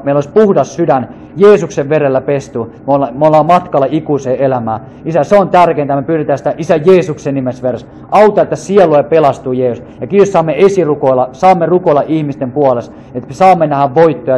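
A man's voice: a little high, mellow, slight background noise. A man leading a fervent free prayer, calling out repeated invocations and sometimes speaking in tongues. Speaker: prayer leader.

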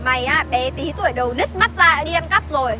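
A woman's voice: high voice, animated, quick pace. An actress playing a harsh young mother who berates an orphan boy, scolding sharply in a scripted web sitcom. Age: young adult. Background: background music.

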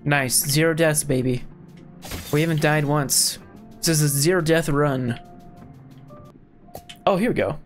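A man's voice: on the high side, measured pace, pauses often. A young man giving casual, exclamatory let's-play commentary as a gaming host. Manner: excitable, exclamatory. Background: game music.

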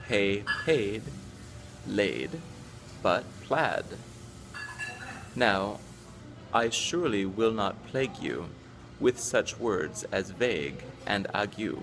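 A man with an American accent, an English teacher reading a poem aloud slowly and deliberately, word by word. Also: on the low side, vocal fry. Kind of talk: slow careful poem reading.

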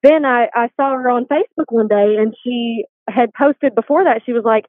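On a tinny, dry phone line, a woman from a boutique shop shares how she came to faith, speaking casually and dropping "like" again and again. Her pitch is fairly high and her speed normal, with no room sound.

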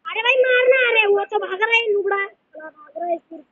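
A woman streaming a mobile shooter game and chatting with teammates. She is excitable and keeps repeating her hellos. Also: very high voice, moderate pace, no room sound, narrow, tinny audio. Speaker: gaming streamer. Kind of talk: live game commentary with teammates.

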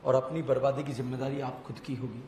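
A man teaching chemistry to a class, loudly firing quick questions at the students and scolding them with teasing remarks. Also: mid-range voice, steady tone. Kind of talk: classroom lecture. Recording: echoey room with crowd noise.

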